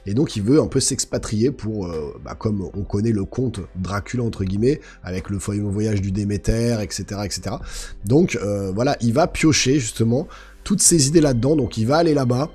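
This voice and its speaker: A man with a hoarse, guttural, slightly sick-sounding voice, giving a casual, enthusiastic film review as a channel host. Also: fairly low pitch, fairly quick, dark tone, soft background music.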